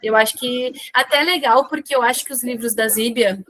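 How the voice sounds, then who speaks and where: A woman's voice: a little high, fairly quick, a bit bright. A woman leading a casual book club chat, encouraging and full of tag questions.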